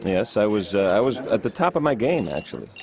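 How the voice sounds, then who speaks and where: An actor playing a former realtor in therapy, boasting in a slow, halting way. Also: male voice, fairly low pitch, very animated, muffled recording, a crowd in the background. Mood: boastful.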